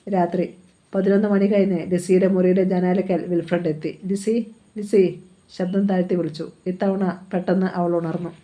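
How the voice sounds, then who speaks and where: A woman reads a novel aloud in a steady storytelling manner. Her voice sits low and mellow, with very little rise and fall in pitch. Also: fairly quick. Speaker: narrator. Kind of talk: novel reading.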